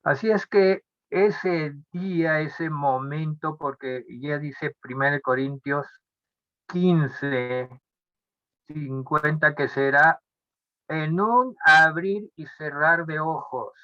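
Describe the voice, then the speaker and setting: A man preaching a sermon as pastor, speaking deliberately and often repeating phrases or restarting words. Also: on the high side, no echo. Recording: dull lo-fi sound.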